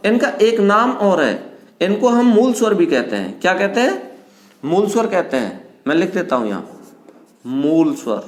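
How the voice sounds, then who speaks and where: High-voiced man teaching in an echoey room. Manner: asks the class questions and answers them himself, addresses students as beta; draws vowels out slowly to show their length. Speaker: Hindi grammar teacher. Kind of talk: classroom lecture. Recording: echoey classroom.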